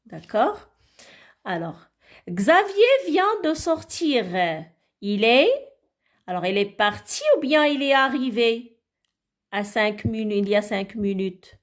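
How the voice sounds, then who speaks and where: A woman's voice: medium pitch, a little slow, long pauses. A woman teaching a grammar lesson to young children, patient and repetitive, often checking whether they follow. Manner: patient, repeats words and asks "d'accord?". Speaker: primary school teacher.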